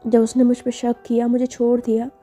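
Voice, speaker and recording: A woman voicing a shy young married woman, confused and wistful, talking in a soft, questioning way. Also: on the high side, completely flat delivery, brisk, faint music behind, close to an everyday voice.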